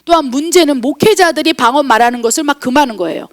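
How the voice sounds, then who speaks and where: High-voiced woman preaching with passion. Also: quick pace. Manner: impassioned preaching, swinging between exclaimed scripture and quiet asides; calls herself tone-deaf. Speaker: missionary pastor. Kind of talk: sermon.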